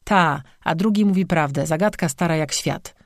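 A man's voice: a little high, moderate pace, no room sound, natural voice. A narrator voicing Fern, a grumpy, sarcastic young man who snaps at the creatures around him, in a dry recording. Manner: irritable, snapping.

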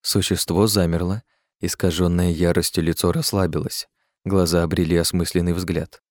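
A man giving scripted audiobook narration in a measured, expressive way. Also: low-pitched.

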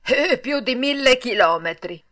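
A woman's voice: high voice, animated, measured pace, a bit bright, voice pushed up. A woman voicing a large male pigeon in an audiobook, speaking steadily and matter-of-factly. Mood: calm. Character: big male pigeon, calm helper.

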